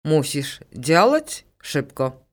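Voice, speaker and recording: A woman's voice: low-pitched, big pitch swings, voice pushed down, full character voice. Woman voicing a Ukrainian-accented psychic medium. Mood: insistent. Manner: slow, insistent, instructing. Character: female Ukrainian psychic medium, calm, commanding. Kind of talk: audiobook character reading.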